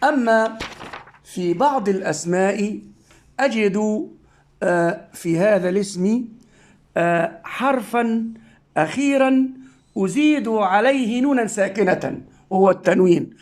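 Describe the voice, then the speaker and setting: Slow, deliberate male reading teacher. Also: high voice, animated, a little mellow. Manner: slow, stretched-out sounding of syllables and words. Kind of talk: reading lesson for children, sounding out syllables. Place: Medina, Saudi Arabia school.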